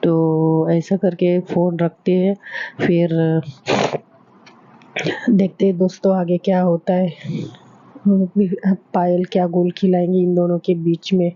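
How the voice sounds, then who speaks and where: A woman's voice: fairly low pitch, flat delivery, slow, pauses often, warm tone, no room sound. A woman telling a love story casually, stringing events together with repetitive linking phrases, on a dull lo-fi recording.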